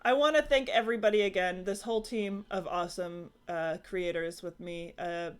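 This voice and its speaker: A woman's voice: lowish voice, fairly even intonation, normal speed, clean tone. A woman hosting and playing in a tabletop game, chatty and rambling, laughing often. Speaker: host and player. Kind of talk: casual chat in a tabletop game stream.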